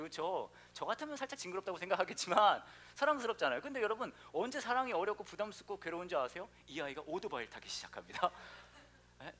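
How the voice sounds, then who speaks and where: A man's voice: high-pitched, bright, forceful tone. A young adult man preaching a sermon as pastor, a joking storyteller who acts out quoted voices.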